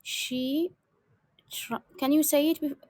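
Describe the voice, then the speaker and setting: Higher-pitched woman, careful English learner. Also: fairly even intonation, takes it slowly, darkish tone, no room sound, low-quality recording. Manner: careful, polite, asks about pronunciation. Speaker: English student. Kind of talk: reading sentences aloud in a lesson.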